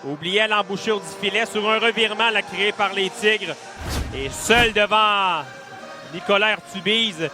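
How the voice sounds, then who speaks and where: A man with a Quebec French accent works as a colour analyst on a live hockey broadcast. His delivery is animated and his pitch very high. Music is clearly audible behind his voice. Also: measured pace.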